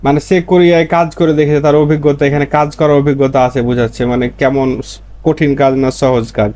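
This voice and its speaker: A man's voice: a little high, little pitch movement, brisk, dark tone. A man teaching Korean grammar, explaining each word and then repeating it in his own language. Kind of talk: explaining lessons.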